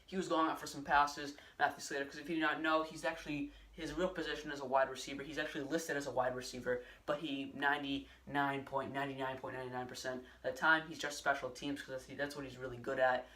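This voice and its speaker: A young man talks through his team's season in a loose, rambling monologue, full of fillers and restarts. His voice sits at an ordinary middle pitch. He sounds a little set back from the microphone. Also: little pitch movement, fast talker, few pauses, bright, forceful tone, far from the mic. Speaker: sports vlogger. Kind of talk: casual solo sports recap.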